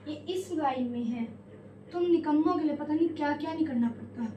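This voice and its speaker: Strict high-voiced woman teacher scolding. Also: echoey room, far from the mic, lo-fi sound, a little hiss or hum. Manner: slow drawn-out verse reading. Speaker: Urdu teacher. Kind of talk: classroom lesson.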